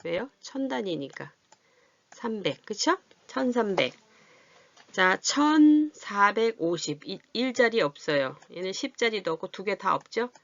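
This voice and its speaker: Medium in pitch, with lively intonation, vocal fry, and a bit of brightness, this woman's voice comes through a dull, dry, lo-fi recording with no echo. An adult literacy teacher, she patiently explains reading and writing large numbers in a classroom math lesson, repeatedly asking whether learners follow and drawing out her counting as she writes.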